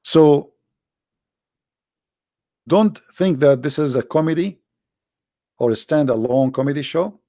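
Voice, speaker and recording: Speaking slowly with frequent pauses, this man has a warm voice that sits on the high side and an Arabic accent from his native tongue. As a host and religious polemicist, he gives a heated, informal monologue, bluntly emphatic, repeating phrases and posing rhetorical questions. The studio sound is clean, with no room sound.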